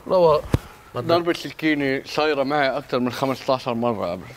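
Guy doing a full-of-himself lebanese self defense coach, mid pitch, sprinkles english words, comedy skit. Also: fast, a little hiss or hum, natural voice. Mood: cocky. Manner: mixes English words into speech, overconfident. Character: boastful bumbling male self-defense coach. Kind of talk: comedy sketch.

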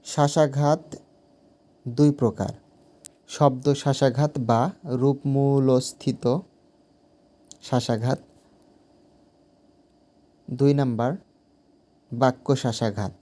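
A man teaching a grammar lesson as an exam answer, deliberate and repeating phrases to correct himself. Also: medium pitch, fairly even intonation, warm tone.

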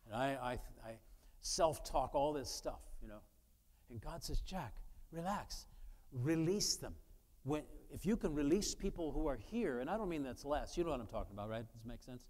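A man's voice: mid-range voice, fairly quick, in a large hall. A man preaching a conversational sermon as pastor, telling stories and acting out both sides of conversations. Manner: animated storyteller, voices both sides of conversations. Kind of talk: conversational sermon with acted-out dialogue. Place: church sanctuary.

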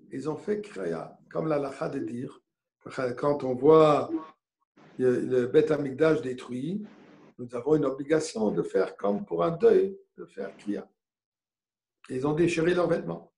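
A man's voice: medium pitch, a little mellow. A man giving a Torah lesson as a rabbi, telling a story and answering his own questions, with Hebrew terms mixed in. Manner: mixes Hebrew terms into French.

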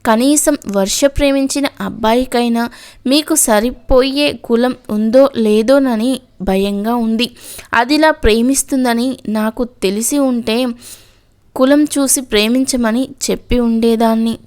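A woman's voice: a little high, measured pace, a little mellow, clean tone, natural voice. A woman reading as a grieving bitter mother. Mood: sorrowful. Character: anguished middle-aged mother, bitter wife.

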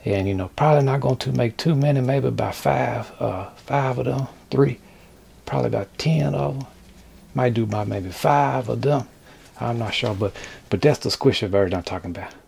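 A man's voice: mid-range voice, normal speed, gravelly, a little mellow, husky. A man hosting a casual workshop vlog, rambling in a folksy, joking way to his viewers. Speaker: craft channel host. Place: indoor workshop.

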